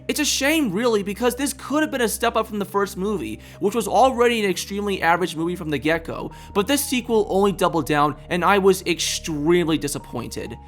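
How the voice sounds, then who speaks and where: A man's voice: sits high, lively intonation, fairly quick, few pauses, a bit bright, faint music behind. A man hosting a video, delivering scripted review commentary.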